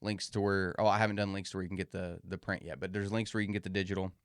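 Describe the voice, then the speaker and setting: A man with a fairly deep, resonant voice hosts a podcast on his own. He talks casually and folksily straight to his listeners, with a slightly muffled edge from a swollen mouth. The recording is dry and close. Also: little pitch movement, very fast, smooth, dry recording. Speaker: podcast host.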